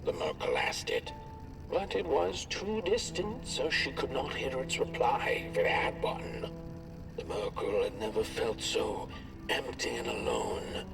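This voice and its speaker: A man narrating a fairy-tale story for a game in an expressive storybook style. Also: mid-range voice, a little slow, vocal fry. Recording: distant voice with music behind.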